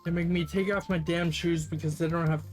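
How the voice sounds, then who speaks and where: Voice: medium pitch, steady tone, a little fast, soft background music. A streamer reading a dating game aloud on a live stream, with sarcastic, swearing asides. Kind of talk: live game read-through with commentary.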